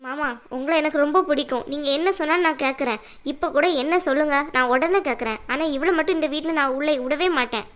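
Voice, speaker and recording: A woman voicing a young woman in a cartoon, a hostile elder sister with a sharp, insistent manner. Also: sits high, fast. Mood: defiant. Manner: sharp, insistent, pleading with her father-in-law. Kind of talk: cartoon voice acting.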